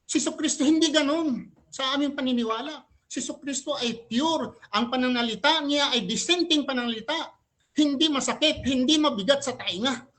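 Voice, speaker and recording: A man makes his case in a live religious debate with a forceful, emphatic delivery, repeatedly challenging his opponents with rhetorical questions. His voice is very high and his speed normal. He moves freely between Tagalog and English, often mid-sentence.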